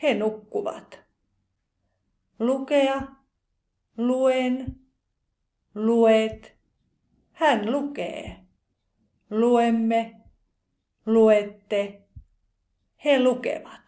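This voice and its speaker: A woman teaching a language lesson, slowly and deliberately pronouncing verb forms one by one in a scripted grammar drill. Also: a little high, fairly even intonation, warm tone.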